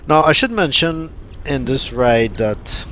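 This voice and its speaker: A man from Trinidad, giving casual, unhurried vlog commentary with plenty of fillers and pauses. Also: mid-range voice, sing-song, fairly bright tone. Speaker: cycling vlogger.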